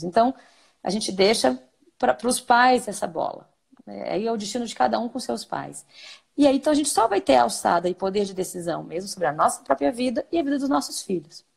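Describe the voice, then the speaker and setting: Brazilian woman therapist, husky and gravelly voice, chatty, explains by asking herself questions. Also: on the high side, a little mellow. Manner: conversational, asks and answers her own questions. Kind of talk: explanatory interview talk.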